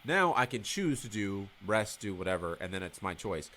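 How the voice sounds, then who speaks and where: Candid male guest, low voice with big swings, profane storyteller acting out dialogue. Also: very animated, normal speed, bright, forceful tone, slight background noise. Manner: candid, swears freely. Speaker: podcast guest. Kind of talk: casual interview conversation.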